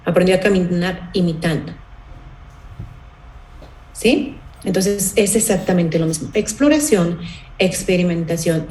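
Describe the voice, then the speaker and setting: A woman's voice: fairly low pitch, darkish tone, echoey room, low-quality recording. A woman leading a parenting workshop, explaining patiently and often checking in with her listeners. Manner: explanatory, asks the audience rhetorical checks like "¿sí?" and "¿bien?".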